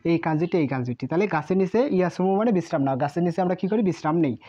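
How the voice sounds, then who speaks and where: Lady teacher going over kanji, repeats every word, lowish warm voice, kinda dull recording. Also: expressive, racing. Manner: patient and repetitive, drills each word several times. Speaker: Japanese language teacher. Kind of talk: kanji lesson explained in Bengali. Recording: muffled lo-fi sound.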